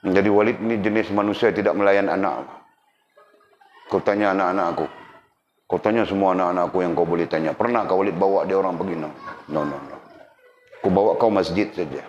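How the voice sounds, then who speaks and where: Deep-voiced religious teacher. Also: male voice, a little fast, pauses often. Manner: teasing, animated, addresses audience directly. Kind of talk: religious lecture with Q&A. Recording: roomy, dull lo-fi, faint background noise.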